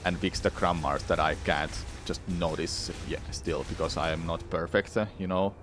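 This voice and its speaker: A low-pitched, steady male voice at normal speed, with music in the background, belongs to a Finnish-accented streamer from Finland. He chats loosely with viewers over a game playthrough, rambling, being frank, swearing liberally and often starting over.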